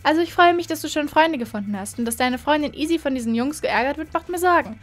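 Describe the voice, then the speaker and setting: A woman's voice: high-pitched, expressive, fast talker. A woman voicing a caring, worried mother of a schoolgirl, read aloud from a story.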